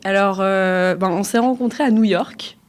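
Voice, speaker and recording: Male artist played by a woman, mid pitch, casual improvised role-play delivery. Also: moderate pace, lightly acted. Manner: casual, hesitant with fillers. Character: male artist Keith Haring recalling his youth. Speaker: student role-playing an interview.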